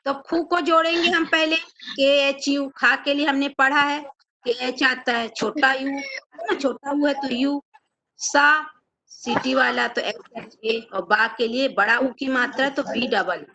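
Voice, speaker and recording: A woman's voice: high-pitched, fairly even intonation, a little slow, sharp tone, slight background noise, rough recording. A woman teacher, giving a classroom lesson and answering her own questions.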